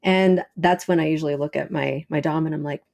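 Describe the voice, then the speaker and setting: A woman's voice: deep voice, steady tone, fairly quick, vocal fry, darkish tone. A woman in her thirties, a sexologist, telling stories in a blunt, profane way and acting out the people she quotes. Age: 30s. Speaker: sexologist guest. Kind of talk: casual storytelling.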